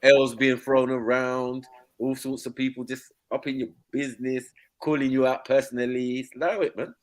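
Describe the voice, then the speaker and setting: A man's voice: mid-range voice, little pitch movement, normal speed. A young man hosting a casual online panel chat, slangy and laughing often. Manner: laid-back slangy banter, laughs often. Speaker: host.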